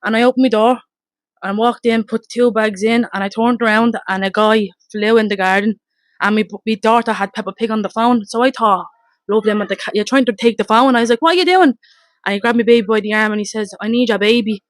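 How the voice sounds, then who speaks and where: A woman with a Dublin accent giving a blunt, rapid, emotional first-hand account, swearing and re-enacting her shouts, outdoors in front of her home. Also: a little high, fairly even intonation, no room sound. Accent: Dublin Irish. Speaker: mother telling her story.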